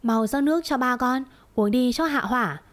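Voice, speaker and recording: A woman's voice: sits high, normal speed, lightly acted. A woman voicing a scheming middle-aged mistress who is spiteful and coy, speaking in a sneering, fawning way in a storybook tale.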